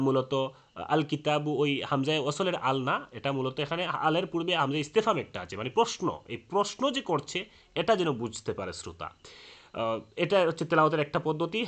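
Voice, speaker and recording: A man with a somewhat high, slightly bright voice teaches the rules of Quran recitation step by step, often filling pauses with "ah" and restarting his sentences.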